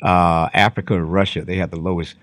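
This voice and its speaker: A man's voice: low-pitched, flat delivery, brisk, a bit bright, dry recording. A man giving a profane, unscripted commentary monologue, talking animatedly and mocking the voices he quotes. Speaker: online commentary host.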